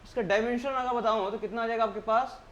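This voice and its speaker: This male tutor. He gives an exam-prep lecture in a steady classroom style. He keeps asking the class questions, answers them himself, and repeats each key term. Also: very high-pitched, fast, a little hiss or hum. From India.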